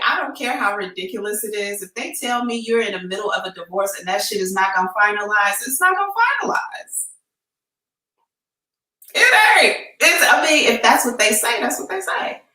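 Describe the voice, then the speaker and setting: A woman's voice: medium pitch, a little fast, bright, forceful tone, recorded from a distance. American woman chatting in an echoey empty room. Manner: chatty, informal and candid, with slangy phrasing. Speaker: psychic reader hosting a live advice show. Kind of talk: casual live-stream chat. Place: emptied-out room indoors.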